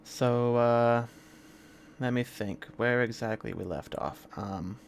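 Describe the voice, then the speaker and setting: A man live-streaming a video game, talking casually with a scratchy, hoarse throat and a rambling manner full of fillers and restarts. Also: mid-range voice, slow.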